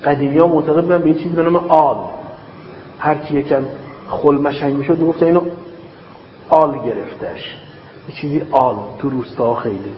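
A man teaching a logic class, dictating terms slowly and then explaining them with quick everyday examples. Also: a little high. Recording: echoey, dull hall recording with faint hiss.

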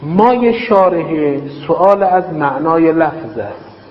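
A man teaching a logic class, dictating terms slowly and then explaining them with quick everyday examples. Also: fairly high pitch, expressive. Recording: echoey, dull hall recording with faint hiss.

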